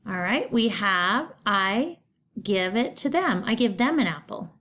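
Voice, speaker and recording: A woman's voice: mid-range voice, sing-song, a little slow, a bit bright. A middle-aged woman, patiently teaching a recorded Spanish lesson, explaining grammar step by step. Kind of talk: recorded remote class lesson.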